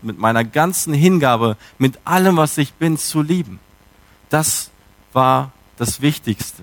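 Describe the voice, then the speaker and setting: A man's voice: medium pitch, no room sound. A man preaching a sermon in a reflective, questioning way, with emphatic turns.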